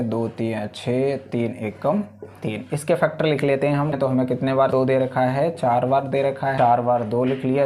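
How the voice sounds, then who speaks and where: A man's voice: medium pitch, a little mellow. A man teaching an exam-prep math lesson, talking through each step patiently and often checking in with the class.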